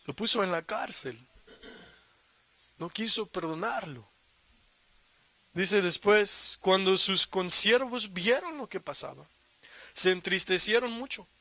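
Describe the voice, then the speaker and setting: Male preacher, high-pitched, reads verses then drives points home with emphatic asides; dry, close recording. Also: measured pace, pauses often, bright, forceful tone, no room sound. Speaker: pastor. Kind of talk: sermon.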